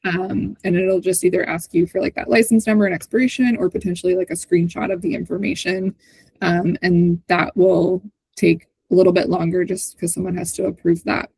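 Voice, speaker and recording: Presenting briskly on a community call, a woman uses screen sharing on an online video call to give a casual walkthrough, frequently finishing points with "right?" to check in. Her fairly low voice has fairly even intonation and is creaky, darkish, and slightly rough; there's no room sound, but the audio is poor.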